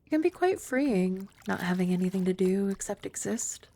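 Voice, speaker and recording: An ASMR roleplay performer, a young woman, takes on the role of a composed maid and childhood friend who keeps her speech formal and polite but slips in soft, dry teasing. Her mid-range voice has lively intonation at a normal speed, staying soft and at times falling to a whisper, all in a calm mood.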